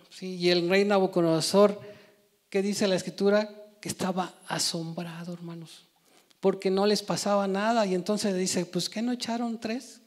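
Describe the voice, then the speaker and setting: Man preaching, a bit higher voice. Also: darkish tone. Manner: emphatic with frequent rhetorical "¿sí?" and "hermanos". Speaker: church preacher. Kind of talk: sermon.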